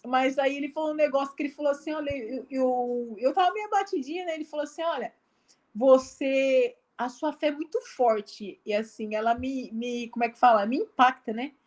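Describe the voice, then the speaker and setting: A woman's voice: high voice, a little fast, darkish tone. A missionary woman with a Brazilian Portuguese accent telling a testimony over a live video call, chatty and full of fillers, acting out the dialogue she quotes. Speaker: guest, missionary.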